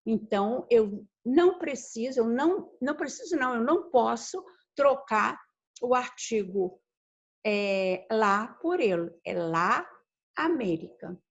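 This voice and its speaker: Slow, deliberate woman teaching Spanish. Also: a little high, expressive, breathy edge. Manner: slow, deliberate, spells out letters and repeats words; asks the class questions, then answers them. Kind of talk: recorded online class. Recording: dull lo-fi recording.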